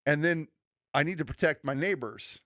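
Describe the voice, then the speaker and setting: A man's voice: on the high side, animated, moderate pace, fairly bright tone, dry recording, clean studio sound. A man who is a pastor, co-hosting a church podcast in an earnest, conversational way, often restarting and acting out quoted remarks. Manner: earnest, preachy, many restarts and quoted asides.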